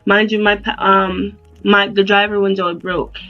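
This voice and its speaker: A young adult woman vlogging a storytime in an animated, casual way, with plenty of swearing. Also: mid-range voice, measured pace. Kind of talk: storytime vlog. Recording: dull lo-fi sound with faint music.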